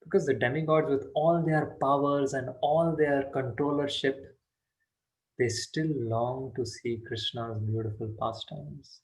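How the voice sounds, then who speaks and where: A man narrating a devotional story, in an animated and expressive way, with frequent asides to his listeners. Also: medium pitch, a little slow, rough recording.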